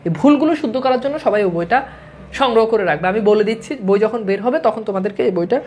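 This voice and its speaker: There's a slight hiss or hum behind this Bangladeshi woman, whose fairly high voice is a little mellow as she rapidly corrects grammar for exam students. Brisk and repetitive, she drills wrong and right forms in classroom-lecture style, slipping English words in from time to time.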